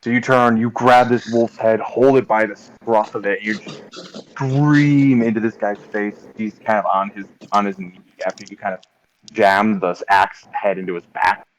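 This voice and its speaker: Low-voiced man running a tabletop game. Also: flat delivery, lo-fi sound. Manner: vivid, unhurried combat description with frequent ums. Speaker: game master.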